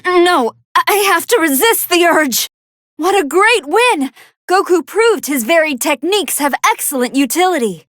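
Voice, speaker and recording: A woman playing a polite, excitable young android scientist who fights a hidden hunger, giving earnest, articulate commentary in an anime fighting game. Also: very high-pitched, unhurried, dry recording, clean studio sound, heavily acted. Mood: distressed, pleading, then excited, admiring. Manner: articulate, earnest, formal scholarly phrasing.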